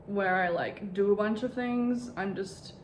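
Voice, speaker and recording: Woman, twenties, unhurried and candid, reflective vlogger talking from her bedroom, mid-range voice. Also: mid-range voice, echoey room, a little hiss or hum. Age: 20s. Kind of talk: casual personal vlog. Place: bedroom in her new home.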